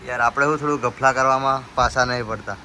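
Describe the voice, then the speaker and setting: Chatty shopkeeper vlogging. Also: male voice, medium pitch, fairly even intonation, quick pace, pushed and bright, a little hiss or hum, low-quality recording. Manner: chatty, keeps addressing viewers as guys. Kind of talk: casual vlog commentary. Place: small shop and storeroom.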